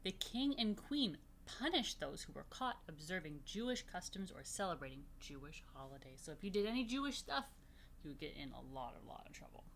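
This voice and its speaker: A woman rabbi with a fairly low voice reads a story aloud for children during a virtual story time recorded in a room. She adds playful, simple asides and repeats things often, and a little hiss or hum sits in the background.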